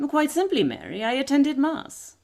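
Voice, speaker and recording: A woman playing a shrewd, poised lady detective in a radio play, brisk, wry and self-assured. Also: high voice, huge pitch swings, creaky, a little mellow, full character voice. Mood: wry, confiding.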